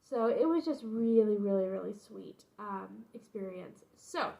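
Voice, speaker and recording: A young adult woman vlogs about announcing her pregnancy, her medium-pitched voice animated, gravelly, and warm at a measured pace. She tells it in a rambling, informal way full of asides, and the audio quality is poor.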